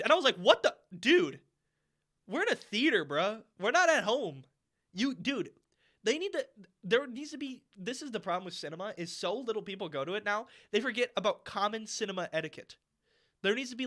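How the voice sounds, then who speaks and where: A man's voice: high voice, sharp tone. A young man co-hosting a podcast, telling a story in a casual, profane and exasperated way. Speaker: podcast co-host. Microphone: podcast mic.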